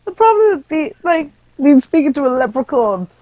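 A woman from England chatting casually while playing a game, excitable and quick to yelp in panic, on a slightly muffled headset mic. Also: sits high. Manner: excitable, panicky yelps when in danger. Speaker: guest player. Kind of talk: casual gameplay chat.

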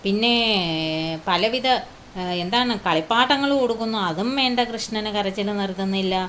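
A woman at a middle pitch tells a devotional story in an unhurried, casual way. She pauses often and puts questions to her listeners. Faint noise sits behind her voice. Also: a bit bright.

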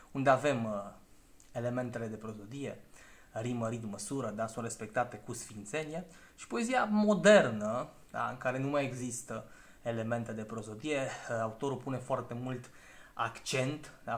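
A man teaching a literature lesson, explaining step by step, often checking understanding and pausing with fillers. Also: mid-range voice, a bit bright. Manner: explanatory, with frequent checking "da?" tags; frequent filler hesitations.

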